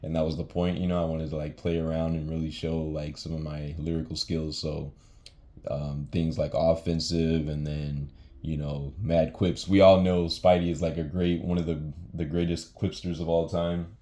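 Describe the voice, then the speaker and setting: A man's voice: a bass voice, level tone, moderate pace, warm tone. A young man casually explaining his own rap lyrics, laid-back and full of fillers like um and you know.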